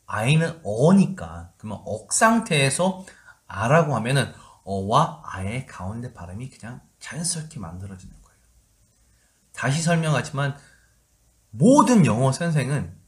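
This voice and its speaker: A man's voice: medium pitch, sing-song, normal speed. A man teaching English pronunciation, leading students through repeat-after-me drills.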